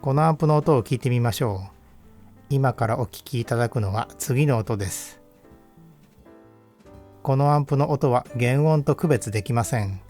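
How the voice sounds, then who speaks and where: In a voice-over, a man who reviews audio gear narrates a scripted technical walkthrough. His tone is calm and explanatory, his pace measured, and his pitch is in the middle of the male range. Quiet music plays in the background.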